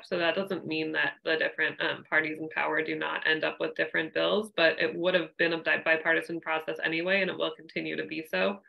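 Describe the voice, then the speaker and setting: A young woman on a video call explaining farm policy, talking in a halting way with many fillers and restarts. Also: low voice, creaky, bright, forceful tone, low-quality recording. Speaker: regional policy staff. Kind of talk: panel discussion. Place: home room.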